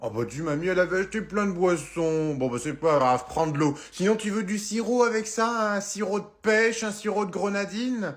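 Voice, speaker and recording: A man's voice: high voice, brisk, hardly any pauses, pitched above the performer's own voice, close to an everyday voice. A man voicing a fussy, doting grandmother who coaxes her grandchild to eat, in a comedy sketch. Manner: coaxing, chatty, repeating "hein".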